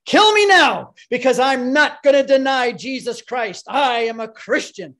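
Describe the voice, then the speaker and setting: A man voicing a fervent young male college student who shouts defiantly. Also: extremely high pitch, expressive, a little slow, voice pushed up, full character voice.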